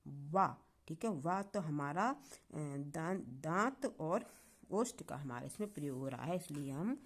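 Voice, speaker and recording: In an online grammar lesson, a woman explains things patiently, slowly sounding out syllables and putting questions to the class. Her voice is low, with a lively intonation.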